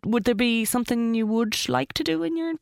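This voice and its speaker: A woman's voice: fairly high pitch, brisk, vocal fry, dry recording, clean studio sound. A woman with an Irish accent hosting a casual radio interview, chatty and encouraging with her guest. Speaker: radio show host.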